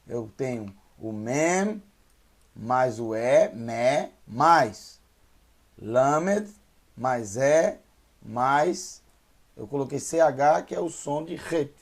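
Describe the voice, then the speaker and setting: Man, Hebrew teacher, slow deliberate pace, gravelly husky voice, repeats syllables. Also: mid-range voice, expressive. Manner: patient, repeats syllables slowly and drills pronunciation. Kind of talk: online language lesson.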